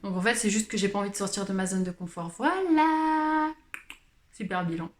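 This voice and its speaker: A woman's voice: medium pitch, expressive, normal speed. A woman in her late twenties, born in Switzerland to a Portuguese family, talking casually to camera as a vlogger, colloquial and self-mocking, rambling with sighs and small laughs. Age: late 20s. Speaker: vlogger, channel host. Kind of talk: casual confessional chat to camera. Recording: roomy echo with music underneath.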